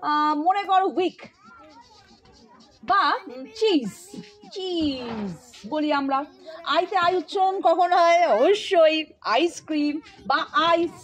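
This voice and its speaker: A woman teaches a phonics lesson in a high voice. She explains step by step, going through one example after another. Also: takes it slowly, long pauses.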